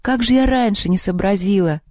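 An anxious, quick-witted schoolgirl from a storybook, as the narrator plays her, bursting out in excited exclamations. The voice is pitched well up from the reader's own, still mellow in tone. It is recorded close and dry. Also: dry recording, close to an everyday voice. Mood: eager.

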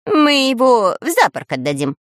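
A woman voicing an excitable, boastful male spy who is childlike and greedy, with shrill exclamations. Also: moderate pace, dry recording, clean studio sound. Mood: excited.

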